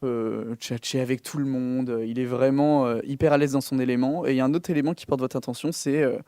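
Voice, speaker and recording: Mellow male game master. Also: medium pitch, fairly even intonation, brisk, dry recording, clean studio sound. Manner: hesitant, piecemeal phrasing. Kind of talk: improvised tabletop game narration.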